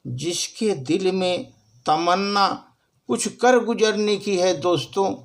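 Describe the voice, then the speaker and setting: A man's voice: sits high, slow, creaky. A man reciting a short poem, first giving a spoken introduction, addressing his listener as sir and repeating each line with emphasis. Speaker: poetry reciter.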